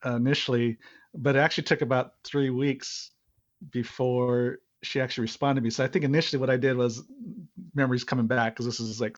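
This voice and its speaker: A man from Hawaii, a guest on a podcast, telling a long story with restarts and little chuckles. His voice sits at a middle pitch. It comes over a remote call with muffled, lo-fi sound. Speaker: podcast guest, marriage and business consultant. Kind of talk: conversational storytelling.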